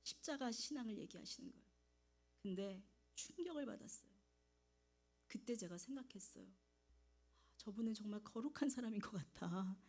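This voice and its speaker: A woman in her forties preaching a sermon in a church and telling a personal testimony, with pauses and hushed asides. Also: medium pitch, lively intonation. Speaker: evangelist preacher. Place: church sanctuary.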